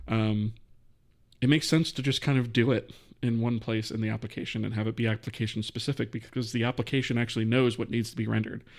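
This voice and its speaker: A man with a gravelly, creaky edge to his voice hosts a casual live-coding stream. He talks through his code as he goes and stops to answer viewers' questions in a relaxed way. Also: mid-range voice. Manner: thinks aloud while coding, answers chat questions.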